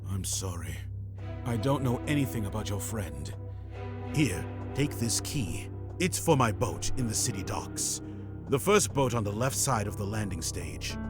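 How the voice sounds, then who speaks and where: Over music, an actor with a fairly low voice plays a desperate father and shadowy ex-criminal informant in a dramatic point-and-click adventure game. He speaks gravely, cryptically and urgently, his phrases sinking toward a hush at the end.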